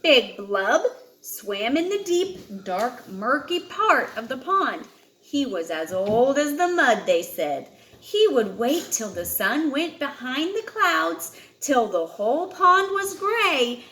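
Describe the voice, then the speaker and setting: A woman slowly reads a picture book aloud to a child, dramatically stressing key words. Her fairly high voice swings widely in pitch, and the room adds a noticeable echo to her expressive storytelling.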